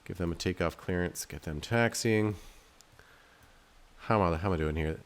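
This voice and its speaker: A low-pitched man speaks at a moderate pace while playing the game he developed for a video. His commentary is easygoing and rambling, the thoughts of someone happy to laugh at himself.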